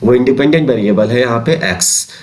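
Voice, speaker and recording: A man's voice: mid-range voice, darkish tone. A man teaching a maths class, mixing Hindi with English terms and asking and answering his own questions. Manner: slows right down when reading out English definitions. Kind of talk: classroom lecture.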